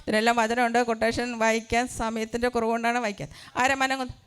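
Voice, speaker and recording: A woman's voice: on the high side, little pitch movement, quick pace, clean tone. A religious sister giving an earnest testimony in a church hall, asking her listeners rhetorical questions. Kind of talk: sermon testimony.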